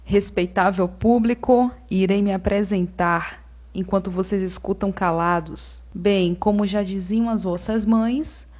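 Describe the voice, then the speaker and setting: A woman's voice: medium pitch, fairly even intonation, a little slow, darkish tone, lightly acted. Imperious female ringmaster of censorship, acted by a woman. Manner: ringmaster-like, theatrical, commanding announcements. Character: Censorship personified, domineering, menacing female ringmaster silencing everyone. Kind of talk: theatrical radio drama monologue.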